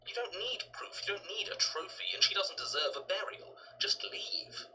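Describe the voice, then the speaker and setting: A man's voice: high-pitched, expressive, moderate pace, bright, forceful tone, slight background noise, exaggerated voice, low-quality recording. A man voicing an exasperated, dismissive video game narrator with eye-rolling sarcasm. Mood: impatient, dismissive. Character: exasperated, impatient male narrator, insisting and dismissive. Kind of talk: dramatic video game voice acting.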